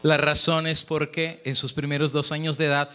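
A man's voice: a little high, flat delivery, moderate pace, sharp tone, soft background music. A man, a pastor, preaching a sermon in Spanish and explaining points to the congregation with rhetorical questions.

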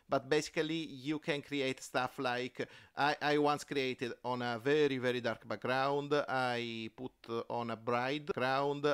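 A man who speaks as a talks through a board game on a podcast. His voice is smooth and resonant, and his speech halts often with fillers and restarts. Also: medium pitch, a bit bright. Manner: halting, many fillers and restarts. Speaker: podcast co-host. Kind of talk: casual board game chat.

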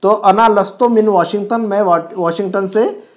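A man's voice: high voice, moderate pace. Patient male Arabic teacher. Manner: patient, explains and quizzes the student. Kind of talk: online class teaching. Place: home.

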